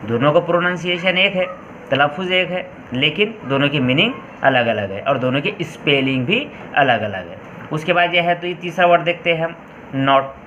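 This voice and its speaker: A man's voice: fairly high pitch, animated, sharp tone, highs cut off, a little hiss or hum. Indian male teacher spelling out English words. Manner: explains slowly, repeats each point and spells words out letter by letter. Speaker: school teacher. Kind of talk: classroom lesson explaining English words.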